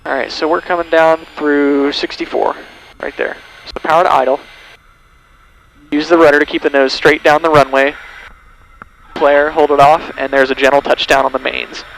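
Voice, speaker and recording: A man's voice: fairly high pitch, little pitch movement, normal speed, gravelly, a bit bright. A man talking like a pilot over the radio, giving step-by-step instructional commentary from a small plane's cockpit through a headset. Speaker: pilot demonstrating pattern work. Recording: noisy aircraft cockpit headset radio audio. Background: engine drone and radio noise.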